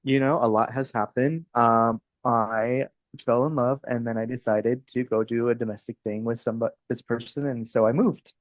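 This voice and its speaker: Relaxed hesitant woman in her thirties. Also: rumbling low, moderate pace, few pauses, no room sound. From Texas. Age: 30s. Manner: relaxed, hesitant, with fillers and laughs. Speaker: podcast co-host. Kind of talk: casual chat.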